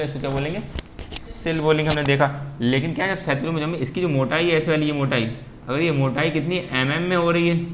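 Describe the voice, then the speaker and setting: A man's voice: mid-range voice, a little hiss or hum. A male teacher giving a lesson, explaining step by step and often asking a question and then answering it himself. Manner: repetitive, asks and answers his own questions. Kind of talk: explaining at a whiteboard.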